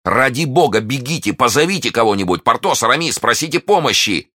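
A man reading aloud and voicing an ardent, desperate young man in a storybook reading, urgent and shouting. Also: sits low, lively intonation, normal speed, no room sound, clean studio sound.

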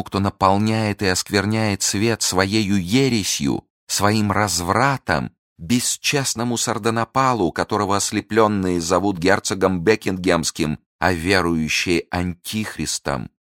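A man's voice: extremely low pitch, normal speed, fairly bright tone, dry recording, studio quality. A man voicing a desperate, scheming noblewoman in an audiobook reading, pleading and accusing with passion. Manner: impassioned, pleading then accusing.

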